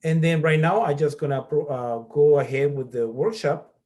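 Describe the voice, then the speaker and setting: His voice sits on the high side, with fairly even intonation, a moderate pace and a dark tone. He's a middle-aged college professor from Peru leading an online workshop, explaining step by step and often asking "okay?".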